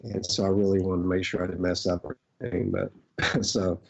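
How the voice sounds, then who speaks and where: A middle-aged man with an Arkansas accent, casually reminiscing as an interview guest in a rambling, halting way. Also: low voice, steady tone, vocal fry. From Arkansas, United States. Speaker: actor, podcast guest. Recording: dull, lo-fi audio.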